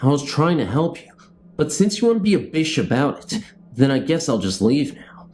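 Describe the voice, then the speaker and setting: A man's voice: mid-range voice, very animated, moderate pace, darkish tone, slight background noise, voice pushed up, lightly acted. Dude voicing a miffed helper guy, plain voice, kinda huffy. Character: helpful man offering to make videos.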